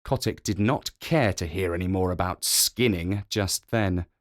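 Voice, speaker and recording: A man narrating a children's storybook with a gentle, expressive reading. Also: low voice, unhurried.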